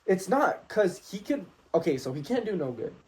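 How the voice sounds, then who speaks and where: A young man co-hosting a podcast, casually pitching silly superhero ideas and teasing his friend. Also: very animated, moderate pace, a little mellow. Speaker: podcast co-host. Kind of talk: casual comedic chat.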